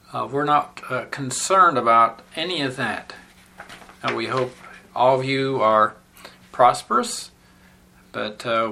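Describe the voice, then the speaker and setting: Slow, bright-voiced male Bible teacher. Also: medium pitch. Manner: deliberate and halting, with frequent filler pauses; solemn, measured scripture reading. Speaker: Bible seminary instructor. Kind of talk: slow spoken Bible lesson with scripture reading.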